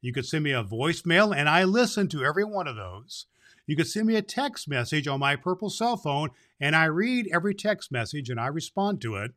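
In a quick-ish, fairly high voice with big swings in pitch and a bit of brightness, a man plays Santa Claus for children. He hosts and tells stories, lovingly repeating phrases for emphasis.

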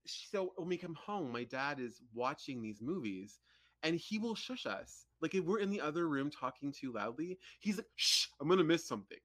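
A man's voice: on the high side, moderate pace, no room sound. A man chatting casually as a podcast guest, telling funny stories and acting out the quotes. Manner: animated storyteller acting out quotes. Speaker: guest, social media storyteller.

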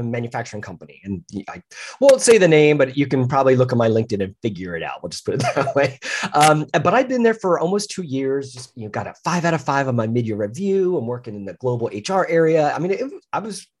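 Animated, husky-voiced man telling stories. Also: mid-range voice, fast talker. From lives in Florida. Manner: animated storyteller who acts out quoted voices and laughs often. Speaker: podcast guest, business owner. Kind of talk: casual storytelling interview.

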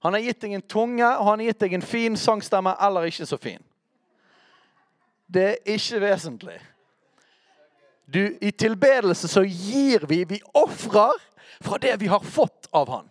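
A man preaching a teaching sermon in a conversational way, speaking straight to his listeners and checking in with quick questions. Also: high-pitched, animated, no echo, clean studio sound.

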